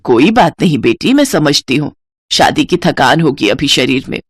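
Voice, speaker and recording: A woman's voice: sits low, very animated, normal speed, husky, no echo, pitched below the performer's own voice, heavily acted. A woman voicing a kind older mother-in-law in a Hindi horror storybook, speaking in a soothing, motherly way. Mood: tender.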